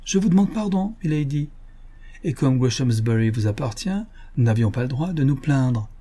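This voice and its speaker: A man's voice: mid-range voice, lively intonation, moderate pace, dark tone, husky. A man reading a firm, indignant old country doctor. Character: stubborn, principled country doctor, older man.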